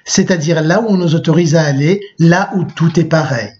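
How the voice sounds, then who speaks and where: A man's voice: a little high, moderate pace, a little mellow, a little hiss or hum, close to an everyday voice. A man reading aloud the lines of a restless, despairing young man from a novel. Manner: earnest, read aloud from a book. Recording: muffled lo-fi recording.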